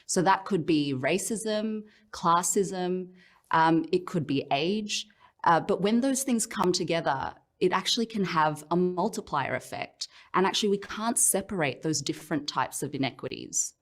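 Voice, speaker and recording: A woman with an Australian accent giving a reflective, personal motivational talk as a professional speaker, often pausing with "um". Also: on the low side, expressive. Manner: reflective, personal storytelling with frequent "um"s.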